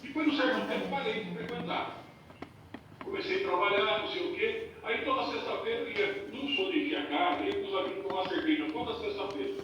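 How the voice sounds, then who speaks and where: A man's voice: high voice, a little fast, fairly bright tone, a little hiss or hum. A man telling his personal story in a casual group talk, with restarts and repeated words. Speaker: participant in a group discussion. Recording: distant echoey room mic, muffled.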